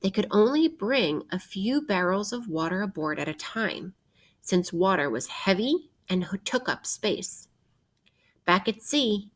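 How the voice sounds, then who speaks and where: A female teacher with a mid-range voice reads a picture book to children, taking a deliberate, instructive approach and asking them questions as she reads.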